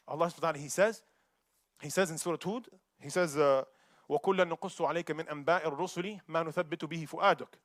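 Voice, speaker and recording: A man giving a Friday sermon, animated and quick, mixing Arabic recitation with casual street talk. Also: fairly high pitch, no room sound, studio quality. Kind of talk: khutbah sermon. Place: mosque.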